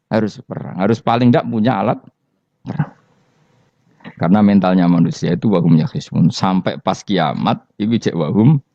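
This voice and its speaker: A man's voice: deep voice, warm tone, no room sound. A man with a Javanese accent giving a religious lecture, telling humorous stories and quizzing his listeners. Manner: humorous storytelling, quizzing the audience. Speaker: Islamic preacher. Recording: dull lo-fi recording.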